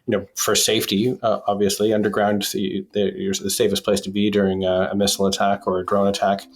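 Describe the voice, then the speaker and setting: A man reporting by phone from a basement as a foreign correspondent, measured and full of fillers and restarts. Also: on the low side, completely flat delivery. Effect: phone line. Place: basement in a war zone.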